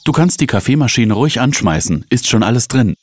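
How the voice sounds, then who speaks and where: A man voicing an eager, bossy young girl in a read-aloud storybook, raising his deep voice and sounding urgent. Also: animated, fairly quick, darkish tone, slight background noise, lightly acted.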